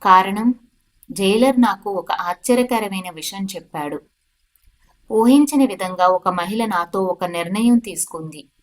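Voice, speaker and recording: A woman storyteller narrating a dramatic first-person story in a steady, dramatic way. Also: mid-range voice, measured pace.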